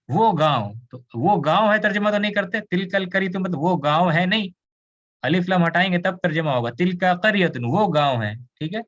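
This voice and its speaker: A man's voice: a little high, dull audio. A man from India teaching an Arabic grammar class, explaining patiently, switching into English and asking students questions. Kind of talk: online class lecture.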